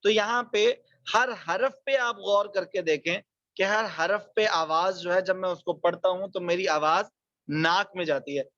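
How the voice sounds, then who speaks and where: High-voiced man teaching Quran recitation. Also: fairly bright tone, dry recording, dull audio. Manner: explains rules quickly, then recites words slowly and drawn out. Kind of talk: online recitation lesson.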